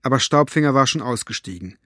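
Male audiobook narrator, measured delivery, close dry studio sound. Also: mid-range voice, animated, a bit bright, no room sound. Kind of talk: audiobook reading.

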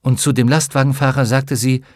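A man reading a novel aloud as an audiobook narrator, with steady storytelling narration. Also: medium pitch, brisk, no echo, clean studio sound. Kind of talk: scripted narration.

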